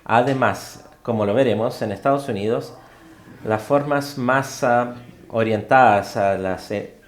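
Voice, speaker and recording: A man giving a spoken interpretation of a university lecture, halting, with frequent fillers and self-corrections. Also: medium pitch, slight background noise. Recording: roomy hall sound.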